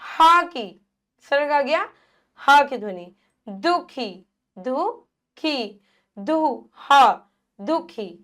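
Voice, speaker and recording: A woman teacher giving a children's grammar lesson. She sounds out syllables slowly and draws them out, and she asks questions and then answers them herself. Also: high voice, lively intonation, a bit bright. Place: classroom. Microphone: device at a smart screen.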